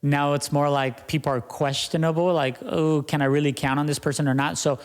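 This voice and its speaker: A man's voice: on the high side, little pitch movement, a little fast, big-room sound. A young man talking earnestly as a podcast guest, often tagging his points with "right?". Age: young adult. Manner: earnest, repeats "right?" and "you know". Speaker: guest, business owner. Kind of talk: podcast interview.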